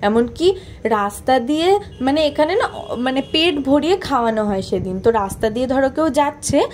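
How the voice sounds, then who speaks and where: A woman's voice: sits high, expressive, normal speed, a little hiss or hum. A young woman narrating her own vlog in a chatty, playful, self-mocking voice-over. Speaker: vlogger.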